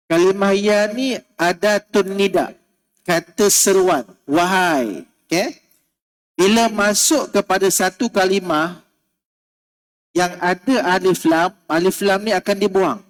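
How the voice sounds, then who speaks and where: A man with a Malaysian Malay accent lectures on religion in a high voice. He explains patiently, repeats key words and checks in with his listeners. The sound carries a long reverb from a large hall. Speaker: religious teacher. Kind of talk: mosque lecture.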